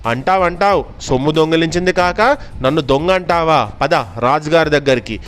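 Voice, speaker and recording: A man doing Nandigupta, a loud accusing merchant. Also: a little high, moderate pace, close to an everyday voice. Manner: shouting accusations, insistent. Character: scheming middle-aged male merchant, loud and accusing.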